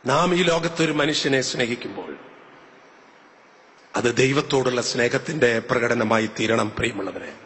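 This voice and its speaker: A man preaching as a priest with a Malayali accent, telling stories in an animated way and breaking into high, shouted hallelujahs. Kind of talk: sermon with anecdotes. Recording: long hall reverb, faint ambience.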